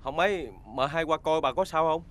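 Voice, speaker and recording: A man's voice: fairly high pitch, fairly quick, fairly bright tone, natural voice. A man playing an anxious household servant, deferential and worried. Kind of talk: TV drama acting. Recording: echoey room with music bed.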